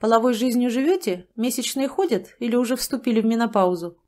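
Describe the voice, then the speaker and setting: A woman's voice: a little high, fast talker, warm tone, pitched above the performer's own voice, lightly acted. A woman doing a droning, bored doctor. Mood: dismissive. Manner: droning, dismissive. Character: bored, monotonous woman gynecologist.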